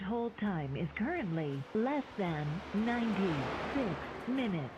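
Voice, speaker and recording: A woman reading a recorded phone hold message in a brisk, even, polite way. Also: mid-range voice. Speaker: automated phone announcer. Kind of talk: scripted hold announcement. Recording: dull lo-fi recording with loud music.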